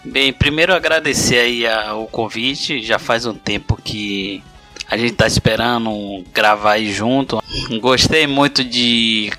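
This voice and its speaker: A man with a Bahian accent from Brazil speaks in a bright, clear-cut tone at an ordinary male pitch. He talks casually as a podcast guest, with faint music behind him. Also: steady tone, unhurried.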